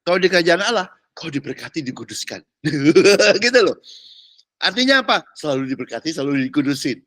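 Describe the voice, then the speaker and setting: A man preaches in a lively, high-pitched voice that leaps up and down. He talks to the congregation casually, throwing in slang and mocking asides. The sound is dry and close, with no room echo. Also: fast. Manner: animated, mixes casual Jakarta slang and English words, mocking asides. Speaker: pastor. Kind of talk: sermon.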